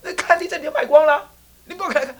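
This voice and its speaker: A man's voice: very high-pitched, very fast, a bit bright, voice pushed up. A man playing a fierce old mountain-spirit grandpa. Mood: scolding. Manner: gruff, scolding, shooing people off.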